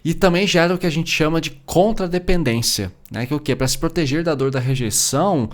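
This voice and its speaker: A man's voice: on the high side, a little fast. A man in his forties with a Brazilian accent, hosting a casual solo podcast about relationships, chatty, with frequent fillers and asides. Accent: Brazilian Portuguese. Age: 40s. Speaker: podcast host and therapist.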